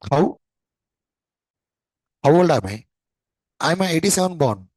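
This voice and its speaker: A man's voice: a little high, lively intonation, a little slow, darkish tone, no echo, low-quality recording. A man in his thirties with an Indian English accent, lecturing a class in a chatty way and often repeating his phrases. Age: 30s. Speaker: teacher.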